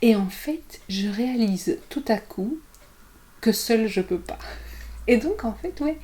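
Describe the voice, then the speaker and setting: A middle-aged woman, a guest author telling her story in a candid podcast conversation, animated and self-mocking. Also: on the high side, measured pace, a little hiss or hum. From Belgium.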